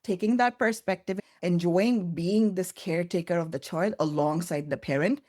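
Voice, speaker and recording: A woman who develops early childhood curricula appears as a podcast guest, talking earnestly and with care, occasionally restarting words as she finds the right ones. Her lowish voice is a little mellow and moves at a moderate pace.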